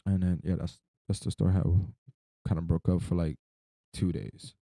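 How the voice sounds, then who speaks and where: Speaking at a normal speed with vocal fry, a young man with a deep, very dark, laid-back voice drifts through a personal anecdote as if running on no sleep. He uses slangy, casual language and swears loosely. It's a dry, close recording with barely any room character.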